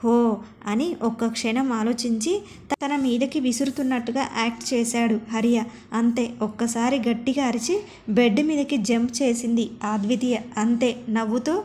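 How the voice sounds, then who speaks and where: A woman storyteller reading a scripted family story in a steady, expressive way. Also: on the high side.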